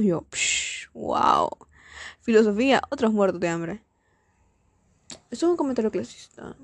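Una joven con acento costarricense despotrica en un podcast casual, en solitario y con sarcasmo. Su voz es algo aguda, suelta comentarios rápidos al margen, y la grabación suena seca, sin eco. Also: female voice, fairly high pitch, mellow, no room sound. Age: young adult. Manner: sarcastic, rambling, quick asides. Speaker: podcast host. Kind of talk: casual solo podcast rant.

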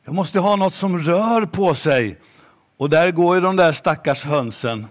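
A man preaching a sermon slowly and emphatically, at times dropping to a near-whisper. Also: a little high, expressive.

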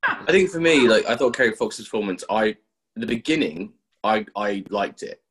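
A man's voice: on the low side, lively intonation, moderate pace, fairly bright tone, breathy edge. A man in a casual film review chat, thinking aloud with frequent restarts.

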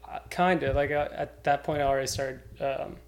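A young man from Cape Breton, Canada, who works as a climbing route setter, chats loosely as a podcast guest and swears casually. His mid-range voice moves at a slightly fast clip with fairly even intonation.

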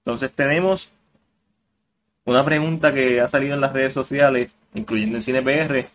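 A man's voice: mid-range voice, moderate pace, fairly bright tone, a little hiss or hum. A man co-hosting a casual podcast chat, opinionated and mixing English words into his talk. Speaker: podcast co-host.

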